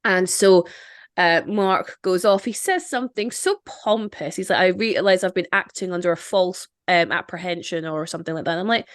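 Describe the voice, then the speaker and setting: Lively woman retelling a film, dry sound. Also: fairly low pitch, normal speed, no echo. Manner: animated storytelling, acting out film characters, laughing often. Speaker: podcast host. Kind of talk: casual chat.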